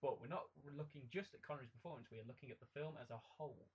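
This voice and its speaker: Blunt, husky-voiced man. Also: medium pitch, very fast, lo-fi sound. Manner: opinionated, blunt. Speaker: film review co-host. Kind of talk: casual chat.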